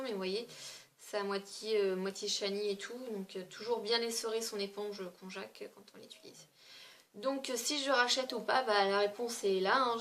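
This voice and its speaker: A woman's voice: medium pitch, fairly bright tone. A woman beauty vlogger chatting casually through a product review, talking loosely with frequent fillers and small hesitations.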